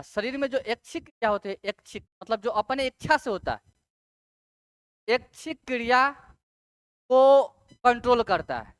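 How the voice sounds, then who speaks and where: Clear-voiced woman teaching. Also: fairly high pitch, no room sound, clean studio sound. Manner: repeats key terms slowly, syllable by syllable; asks rhetorical check questions. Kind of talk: exam-prep science lecture.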